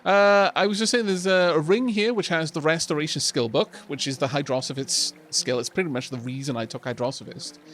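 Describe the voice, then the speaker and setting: A man's voice: on the high side, a little fast, hardly any pauses, fairly bright tone. A man who streams games, chatting casually as he comments on his play. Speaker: game streamer.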